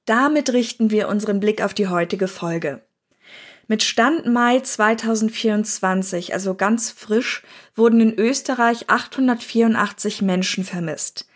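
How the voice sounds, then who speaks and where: A woman podcast host presents in a prepared, scripted way. Her voice sits at a middle pitch for a woman. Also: measured pace.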